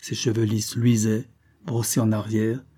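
A man narrating a novel as an audiobook in a measured, even storytelling manner. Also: fairly low pitch.

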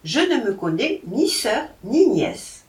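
A woman's voice: on the high side, sing-song, slow. Ask: a woman doing a dignified older mother. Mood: measured. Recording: roomy, from a distance.

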